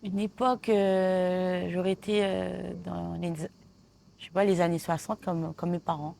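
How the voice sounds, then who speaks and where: A woman's voice: on the low side, little pitch movement, a little slow, gravelly, darkish tone, slight background noise. A woman from La with a lisp that makes her s slushy, chatting informally as an interview guest and thinking aloud. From La Réunion. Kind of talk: casual chat.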